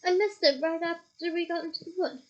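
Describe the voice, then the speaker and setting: A woman's voice: extremely high pitch, steady tone, brisk, lo-fi sound. A woman voicing an earnest teenage boy wizard.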